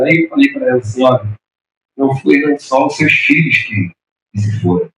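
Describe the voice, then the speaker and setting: A male pastor delivering an impassioned sermon, telling a story and climbing to shouted peaks, recorded in a church. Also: fairly low pitch, roomy sound, recorded from a distance, a little hiss or hum, poor audio. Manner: impassioned preaching, voice rising to shouts. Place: church hall.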